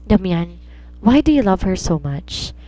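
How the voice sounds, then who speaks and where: A woman's voice: on the low side, very animated, a little slow, mellow, dry recording. A woman voicing a desperate young woman in love. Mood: pleading. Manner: pleading, emotional.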